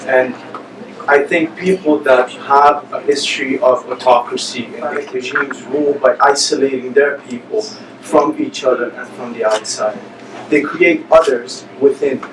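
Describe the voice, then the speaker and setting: A man from Iran making a measured, thoughtful comment from the audience at a public talk. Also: mid-range voice, fairly even intonation. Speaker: audience member. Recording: echoey hall from far off, noisy.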